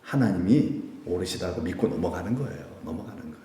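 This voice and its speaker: Animated Korean pastor preaching in an echoey church. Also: male voice, low-pitched, quick pace. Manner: rhetorical questions to the congregation, acting out quoted prayers. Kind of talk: midweek prayer service sermon. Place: church sanctuary.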